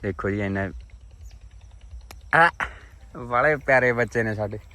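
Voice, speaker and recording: A man with a Punjabi accent and a lowish voice talks briskly in a village vlog, his tone pushed and bright. He's casual and playful, teasing the friends and children around him.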